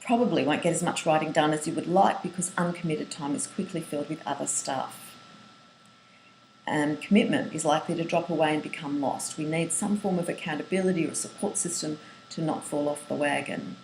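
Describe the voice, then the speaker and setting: Deep-voiced and darkish in tone, this woman speaks briskly as she teaches a writing webinar. She is a middle-aged coach who earnestly works through a list of points, occasionally starting phrases over, and the recording carries a roomy echo with faint hiss.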